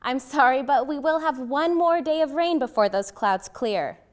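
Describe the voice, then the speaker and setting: At a normal speed, a young woman with a somewhat high voice presents the news as a reporter and anchor. Her reading is scripted and polished, like a television bulletin.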